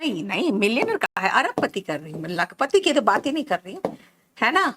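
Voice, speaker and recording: A woman teaching English in a live online class, explaining slowly and quizzing students by name. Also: on the high side, huge pitch swings, noisy background.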